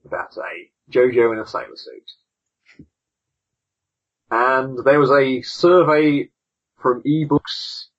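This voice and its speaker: Podcast host with a tinny, lo-fi voice. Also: male voice, medium pitch, takes it slowly, pauses often. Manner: chatty, rambling while clicking through links. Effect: tinny, lo-fi wrong-microphone sound. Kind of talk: casual chat reading news. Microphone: online call. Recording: tinny lo-fi online call mic.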